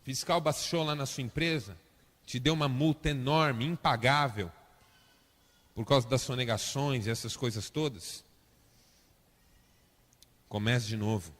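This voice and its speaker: A man's voice: measured pace, pauses often, long reverb tail. A man preaching a sermon as a pastor, dramatic and acting out the voices of people he quotes. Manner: dramatic, acts out quoted voices with big swings of pitch and loudness.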